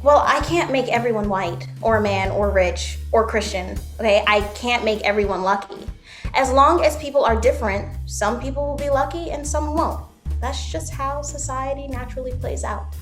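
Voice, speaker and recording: A woman's voice: fairly high pitch, moderate pace, faint music behind, natural voice. A young woman playing a confident woman expert in legal philosophy, in a stage show. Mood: explaining. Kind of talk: youth stage theater.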